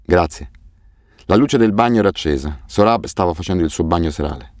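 Male narrator, very deep, measured, somber storytelling, dry close sound. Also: animated, a little mellow, dry recording. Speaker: audiobook narrator. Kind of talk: scripted first-person narration.

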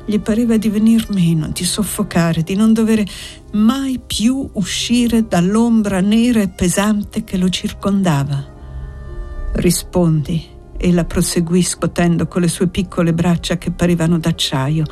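A woman narrating a novel in a measured literary reading. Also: medium pitch, steady tone, warm tone, faint music behind. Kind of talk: audiobook narration.

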